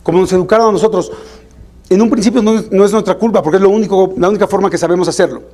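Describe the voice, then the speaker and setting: A man with a Mexican accent, a parent himself, giving an informal, animated talk to parents about teenagers. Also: racing. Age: adult parent. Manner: animated, acts out parents and teens in higher voices. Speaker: parenting speaker.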